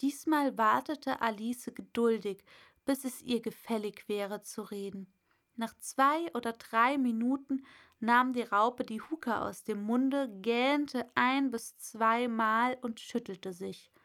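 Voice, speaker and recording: Female audiobook narrator, calm and measured, slow, somewhat high voice. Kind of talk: scripted storybook narration.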